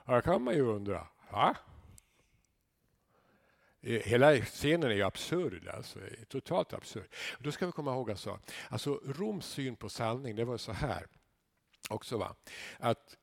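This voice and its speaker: A man preaching a sermon, dropping to low murmurs and rising to loud emphatic declarations, with conversational asides to his listeners. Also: sing-song, vocal fry, long pauses, no room sound, clean studio sound.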